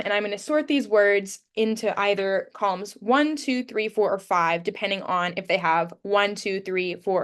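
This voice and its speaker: Young woman, student presenter, mid-pitch, explains then counts words out slowly. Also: fairly bright tone. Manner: demonstrates slowly, counting syllables aloud. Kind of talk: class presentation, mock teaching.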